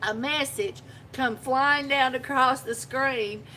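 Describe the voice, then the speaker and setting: Slow and sharp-toned, this woman's high voice carries over slight background noise. She's broadcasting a relaxed phone live video from her own shop, spinning a wandering, chatty story punctuated by frequent laughs.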